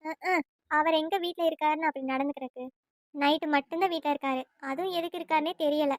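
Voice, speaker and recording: Cartoon: a woman as an envious elder sister-in-law, wistful muttering, high dry read. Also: fairly even intonation, fast talker, no room sound, lightly acted.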